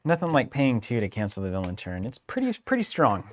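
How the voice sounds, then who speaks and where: A man's voice: medium pitch, huge pitch swings, a little fast, no echo. Man doing mock game commentary. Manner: playful, narrates plays like a sports commentator. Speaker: co-host of a card game live stream. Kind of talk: casual playthrough banter with mock commentary. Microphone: studio microphone.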